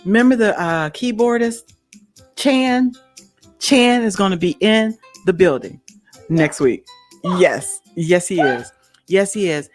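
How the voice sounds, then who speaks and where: A young adult woman hosting a live-stream talk show, excitable and gushing, laughing often. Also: mid-range voice, takes it slowly, soft background music.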